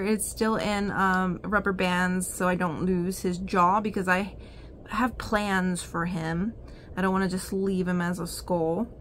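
A woman's voice: medium pitch, fairly bright tone, slight background noise. A woman chatting casually through a haul vlog, rambling and giggling with many ums and restarts. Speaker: vlogger showing an oddities haul.

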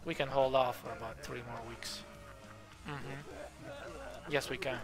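Excitable swearing gaming streamer, man. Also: medium pitch, a little slow, music in the background. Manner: excitable, swears, reacts loudly to chat.

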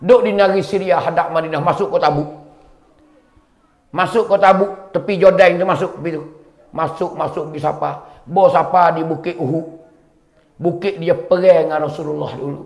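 Gravelly high-voiced Malay preacher storytelling. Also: male voice, steady tone, moderate pace, a little mellow. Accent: Kelantan-Pattani Malay. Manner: dramatic storyteller, acts out wailing and dialogue. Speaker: religious teacher. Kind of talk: storytelling sermon.

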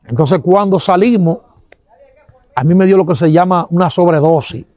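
This animated testimony comes from a man with a Dominican accent and a high-pitched voice who talks at a moderate pace with no echo. He imitates sounds, quotes others, and lets out religious exclamations.

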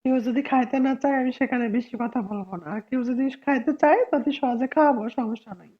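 Hoarse woman, live stream host, argumentative chat, slightly high voice, dull lo-fi sound. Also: fast. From Bangladesh. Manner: argumentative, answers viewers sharply. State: hoarse from a cold. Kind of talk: casual live chat with viewers.

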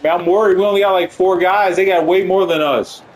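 A man giving excitable, profane live commentary while playing a video game. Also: high voice, a little fast, low-quality recording. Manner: excitable, profane, swings between panic and triumph. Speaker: gaming channel host. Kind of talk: live let's-play commentary.

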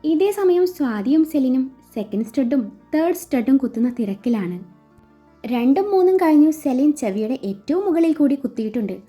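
High, mellow woman storyteller. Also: brisk. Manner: steady, gentle reading. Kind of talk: story narration. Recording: slightly dull with faint music.

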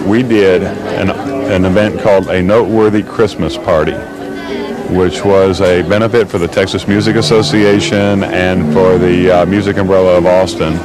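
Low-voiced man explaining a community event. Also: over music, rough recording. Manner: relaxed, measured explanation with fillers. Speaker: event organizer. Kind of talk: interview. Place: indoors by a brick wall.

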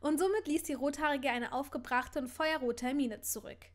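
A woman's voice: sits high, moderate pace. A woman reading fan fiction aloud casually, now and then stumbling and commenting on the text.

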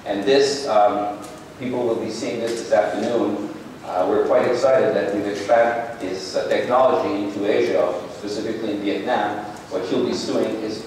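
A man giving a conference keynote in a large ballroom, speaking haltingly with many restarts. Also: on the low side, a little mellow, slight background noise. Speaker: company president giving a keynote. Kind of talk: conference presentation. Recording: echoey ballroom from far off.

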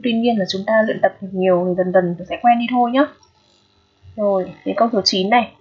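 A woman's voice: medium pitch, steady tone, a little fast, slightly rough. A woman teaching an English exam review lesson, patient and repetitive, often checking that students understand. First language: Vietnamese. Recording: dull lo-fi recording.

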